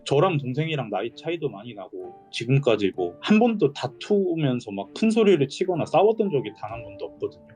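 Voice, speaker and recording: A young man calmly recounting his younger sister's troubles in a worried, earnest way. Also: medium pitch, brisk, hardly any pauses, faint music behind. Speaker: caller describing his sister. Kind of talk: casual storytelling on a call.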